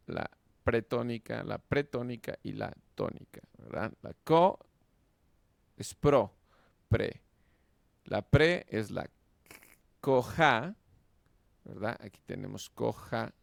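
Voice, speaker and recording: A man giving a slow lecture on Biblical Hebrew, explaining step by step and often checking in with "¿verdad?". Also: on the low side, creaky, no echo. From Mexico. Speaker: Hebrew teacher.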